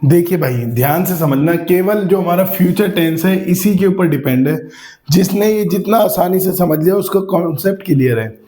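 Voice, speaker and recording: A man teaches a grammar lesson in a classroom, with a high, mellow voice. He explains by asking the class questions and repeating simple examples. The room is echoey. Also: moderate pace.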